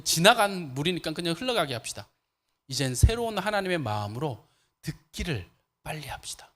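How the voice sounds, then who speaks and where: A man preaching a sermon as pastor, asking the congregation questions and answering them, moving between loud fervor and soft, lowered speech, with frequent laughs. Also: big pitch swings, fairly quick. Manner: laughs often while preaching. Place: church sanctuary.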